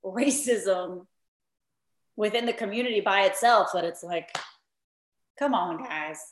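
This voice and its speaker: A woman's voice: mid-range voice, measured pace. A woman speaking frankly in casual podcast chat, with lots of fillers. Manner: frank, filler-heavy talk. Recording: roomy echo.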